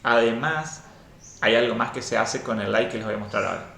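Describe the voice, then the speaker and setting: A man's voice: mid-range voice, brisk, gravelly, fairly bright tone, roomy sound, a little hiss or hum. A man teaching a programming class live and explaining step by step, often checking in with "¿sí?".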